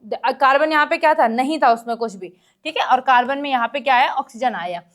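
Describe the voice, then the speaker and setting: A woman teaching an exam-prep lesson. She explains each step and keeps asking the class questions, reads English question text slowly, and coughs now and then. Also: high voice, fairly bright tone.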